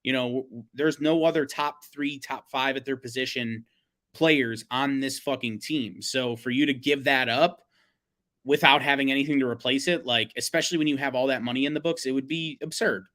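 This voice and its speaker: A young man chats loosely on a sports podcast, rambling and swearing as he works through his points. His voice sits at an ordinary middle pitch and carries an easy, animated energy. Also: moderate pace. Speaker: podcast co-host. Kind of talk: casual sports podcast chat.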